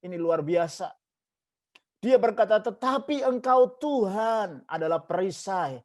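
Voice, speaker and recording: A man preaches as a pastor a little slowly, his voice high-pitched and a bit mellow. The sermon is emphatic, with parallel phrases repeated, English phrases woven into Indonesian, and "saudaraku" recurring frequently.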